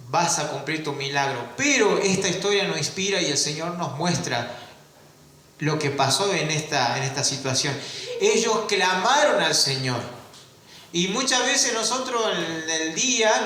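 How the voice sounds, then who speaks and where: Give me a bright high male pastor, drawing out words for emphasis. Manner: asks the congregation rhetorical questions, stretches key words. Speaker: preacher. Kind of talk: sermon. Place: church. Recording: very echoey church room.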